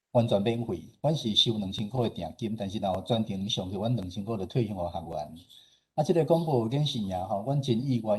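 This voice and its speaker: Presenting at a forum, the head of a radio station speaks casually with a Taiwanese accent and a low, husky voice. His delivery is relaxed and dark-toned, and his explanations frequently end on little particles.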